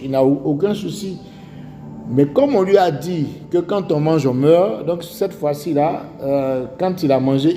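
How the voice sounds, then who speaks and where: With a slightly high voice and a dark tone, a man carrying an Ivorian French accent preaches a sermon. He relies on stories and rhetorical questions, and the recording has hall echo and faint music.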